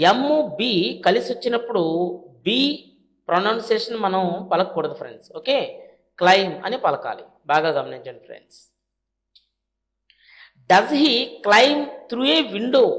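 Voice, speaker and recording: A woman with a Telugu accent teaching spoken English, reading each practice question very slowly and then translating it. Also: fairly high pitch. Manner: reads English sentences very slowly, then Telugu translations; brisk asides to "friends". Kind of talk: language lesson drilling sentences.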